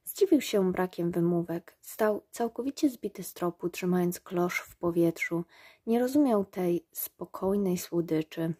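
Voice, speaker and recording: A woman narrating a storybook aloud in a calm, measured way. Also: lowish voice, husky. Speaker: reader. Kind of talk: audiobook narration.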